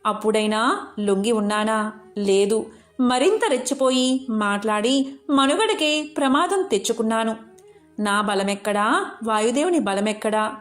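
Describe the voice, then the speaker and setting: A woman voicing a proud, boastful giant tree in a devotional story, talking loud and bragging. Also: on the high side, lively intonation, a little slow, long pauses, echoey room. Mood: regretful.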